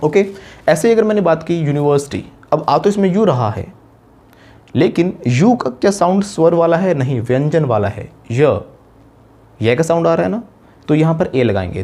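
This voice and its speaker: Male English grammar teacher, Indian accent, warm mellow tone, slightly higher pitch, patient explaining manner with rhetorical questions. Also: lively intonation. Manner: explains step by step, asks rhetorical questions, slows for English examples. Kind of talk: classroom-style grammar lesson.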